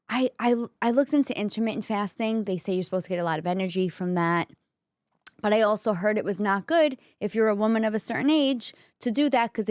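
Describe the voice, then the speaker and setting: A woman in a close, dry studio recording. She talks casually and candidly at a medium pitch, addressing listeners directly as a podcast host. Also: no echo. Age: 40s. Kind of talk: casual solo talk to audience.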